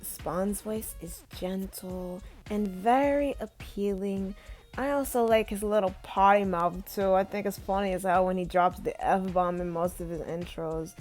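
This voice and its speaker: A woman's voice: medium pitch, a little slow, darkish tone, faint music behind. A woman vlogger chatting casually in a playful, profane, gushing way. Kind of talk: casual chat.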